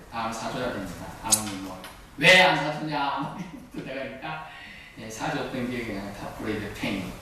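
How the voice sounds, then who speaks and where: A middle-aged male pastor preaching a sermon, often asking the congregation questions and answering them himself. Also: mid-range voice. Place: church sanctuary. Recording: echoey church hall, distant mic, faint noise.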